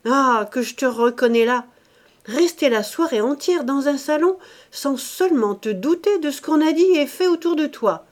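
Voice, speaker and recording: A woman's voice: medium pitch, very animated, unhurried, darkish tone. A woman voicing an irritable, suspicious middle-aged husband who nags and accuses in an audiobook reading. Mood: indignant, scolding. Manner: heated, nagging, accusing.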